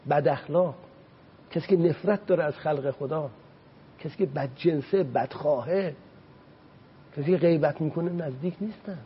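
A man speaking as a religious guest on a talk show, preaching with passion and slowly reciting Arabic quotations. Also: on the high side, highs cut off, a little hiss or hum. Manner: impassioned, rises sharply on points.

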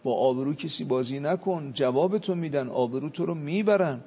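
Man preaching, gravelly husky voice, a bit high, long hall reverb, dull sound. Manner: preaching with Arabic hadith quotes, storytelling. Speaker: cleric. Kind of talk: religious talk on a TV show.

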